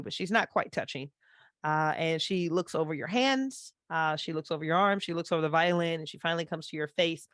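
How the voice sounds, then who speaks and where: A woman narrating a tabletop horror game as game master, relaxed and descriptive, with a habit of filler words. Her voice sits slightly low. The sound is dry and close, with no room echo. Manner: casual, descriptive, frequent fillers.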